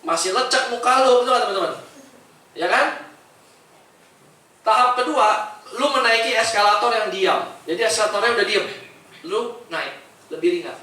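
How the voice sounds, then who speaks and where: Motivational speaker, male, high and bright voice, echoing hall mic. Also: normal speed, long pauses. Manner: energetic, keeps asking the crowd "right, friends?"; casual Jakarta slang. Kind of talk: motivational talk to an audience. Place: large echoey event hall. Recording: echoey hall, far-off mic.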